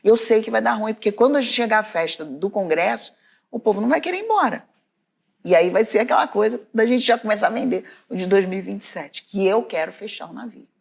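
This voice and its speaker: Lively Brazilian woman telling stories. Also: mid-range voice, quick pace, vocal fry, husky. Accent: Brazilian Portuguese. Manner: lively storyteller, exclaims to listeners. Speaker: podcast co-host. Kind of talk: casual chat.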